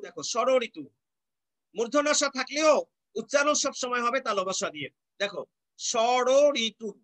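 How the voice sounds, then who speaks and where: High, bright-voiced male teacher drilling pronunciation. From Bangladesh. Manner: explains patiently, repeats and draws out example words, asks rhetorical questions. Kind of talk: online class lecture.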